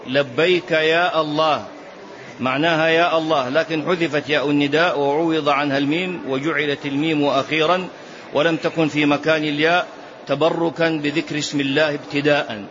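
A man's voice: a little high, a bit bright. A man teaching a religious lesson, explaining a text and repeating key phrases for emphasis, sometimes drawing them out in a chant. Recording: dull lo-fi lesson recording.

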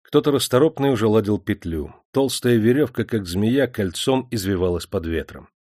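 A man reading an audiobook in a measured, dramatic storytelling manner. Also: on the low side, lively intonation, darkish tone, no room sound, clean studio sound. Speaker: audiobook narrator. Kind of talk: scripted narration.

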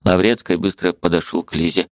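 A man narrating a classic novel as an audiobook, in a measured, even storytelling manner. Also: low voice, no room sound.

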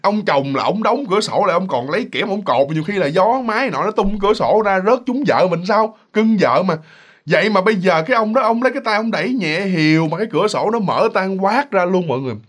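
A man tells a ghost story to his listeners. His voice sits high and swoops through a wide range as he chats along, and he slips into the voices of the people in the story. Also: fast talker. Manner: chatty and animated, addresses listeners directly, acts out voices.

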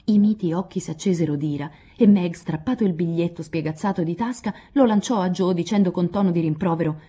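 A woman reading a classic novel aloud as an audiobook, measured and expressive. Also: fairly low pitch, slightly rough. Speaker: audiobook reader. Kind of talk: literary audiobook narration.

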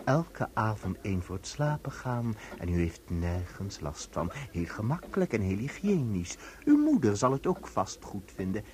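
In an absurdist radio play, a male actor voices an officious, erratic inspector of lost souls who lurches between soothing and bullying, sounding clinical and oily. His voice is fairly low and darkish, with big pitch swings, a moderate pace and few pauses.

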